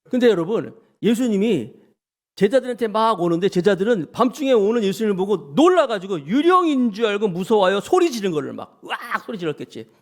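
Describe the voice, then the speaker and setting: A middle-aged man preaching a sermon as a pastor, telling stories in a lively way and acting out dialogue. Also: high voice, brisk. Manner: animated storytelling, acts out dialogue.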